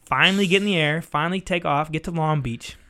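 A young man, telling a story in casual chat. He is animated and profane, acting out both sides of each exchange. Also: a little high, quick pace. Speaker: podcast host.

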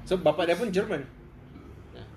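A man's voice: high-pitched, brisk, crowd noise. A man in casual podcast chat, chiming in briefly in a mix of Malay and English. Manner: short interjections, mixes Malay and English.

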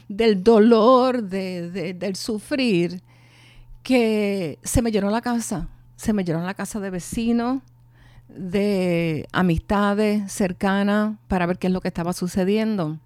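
Middle-aged woman, mid-range voice, heartfelt and halting testimony, dead-dry sound. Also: mid-range voice, a little mellow, dry recording. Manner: earnest, heartfelt, many pauses and restarts. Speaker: bereaved mother sharing her testimony. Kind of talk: personal testimony and talk on grief.

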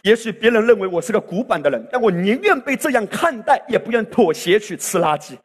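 A man's voice: high-pitched, expressive, fairly quick, breathy edge. A male pastor preaching a sermon with impassioned delivery that swells into exclamations, recorded in a church hall. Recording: reverberant hall sound.

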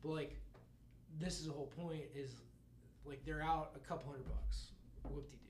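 A man's voice: fairly high pitch, steady tone, normal speed, darkish tone, slight background noise. Rambling man in an echoey room. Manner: rambling, lots of fillers and laughs. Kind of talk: casual chat. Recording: roomy echo, faint ambience.

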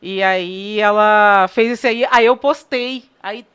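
This Brazilian TV news editor talks slowly, her medium-pitched voice clear and resonant, as she swaps humorous work tales on a casual podcast. Her accent is Brazilian Portuguese, and she tells each anecdote with energy, laughing along the way.

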